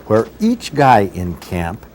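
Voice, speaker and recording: A man's voice: fairly low pitch, wildly swooping pitch, slow, a little mellow. A man hosting casual interviews out in the field, folksy and enthusiastic in the way he talks. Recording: faint background noise, field recording.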